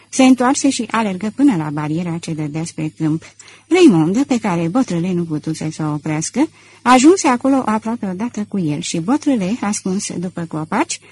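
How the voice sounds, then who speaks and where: Husky woman narrating an audiobook. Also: lowish voice, darkish tone. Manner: measured storytelling. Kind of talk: scripted narration.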